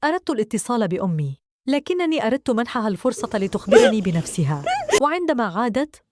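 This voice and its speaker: A woman narrating a first-person story in an expressive storytelling manner. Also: fairly high pitch, fast, no echo, studio quality.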